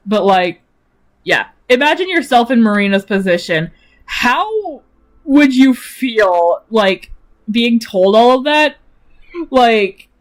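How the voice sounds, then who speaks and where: A young woman streamer chatting casually about her characters, animated, swearing freely and laughing often. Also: medium pitch.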